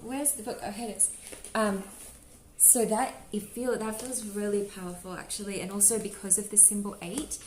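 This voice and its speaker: A woman's voice: mid-range voice, fairly even intonation, normal speed, a little mellow, a little hiss or hum. A woman giving a casual tarot reading to camera, chatty and giggly, with many "like" fillers. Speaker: tarot reader. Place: home room with birds nearby. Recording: roomy echo with faint background ambience.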